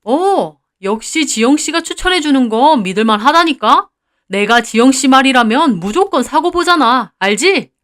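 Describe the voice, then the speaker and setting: A woman's voice: high-pitched, animated, normal speed, a bit bright. A woman voicing a friendly middle-aged male client of a hair-care business, talking in a familiar, chummy way.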